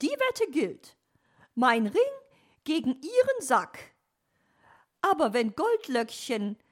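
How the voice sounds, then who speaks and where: A woman doing a shrill scheming magpie lady. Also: heavily acted. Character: nosy scheming female magpie, shrill and smug.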